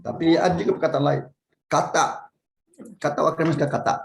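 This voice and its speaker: A man's voice: fairly high pitch, fast talker, creaky. A man teaching a casual online Japanese class, patiently repeating words for his students to echo.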